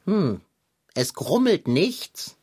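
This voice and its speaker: A woman voicing a greedy, grumpy male tomcat who complains theatrically and has a husky voice in a children's radio play. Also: fairly low pitch, very animated, drawn-out words, darkish tone, exaggerated voice. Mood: sulky.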